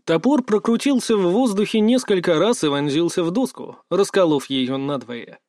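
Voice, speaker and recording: A man reading a first-person fantasy audiobook aloud, with measured pacing and lively rises in pitch. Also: no echo, clean studio sound. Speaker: audiobook narrator.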